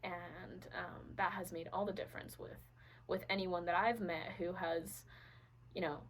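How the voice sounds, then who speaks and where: A woman's voice: on the low side, fairly even intonation, a little slow, slightly rough, low-quality recording. A young adult woman from Venezuela, a podcast guest, telling her personal story earnestly with many fillers and restarts.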